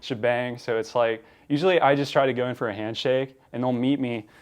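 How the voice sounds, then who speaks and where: A man's voice: medium pitch, fairly even intonation, a little fast. A young man co-hosting a casual chat show, teasing his co-host and laughing easily. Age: young adult.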